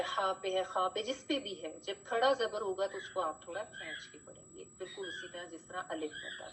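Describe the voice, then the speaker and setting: Patient woman teaching a recitation class. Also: mid-range voice. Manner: patient, repeats key points, frequent "theek hai" checks. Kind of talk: online class lecture. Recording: slightly dull, faint background noise.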